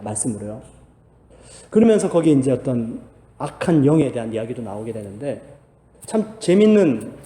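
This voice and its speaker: Earnest pastor preaching in a reverberant hall. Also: male voice, medium pitch, warm tone. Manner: earnest preaching, rising to emphatic exhortation. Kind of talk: sermon. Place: church sanctuary. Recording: echoey church hall, long reverb.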